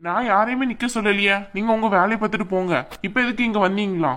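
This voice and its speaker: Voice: mid-range voice, fast talker, fairly bright tone, close to an everyday voice. An actor voicing a stubborn young husband in a family drama skit, insistent and dismissive. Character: stubborn young husband set on buying land.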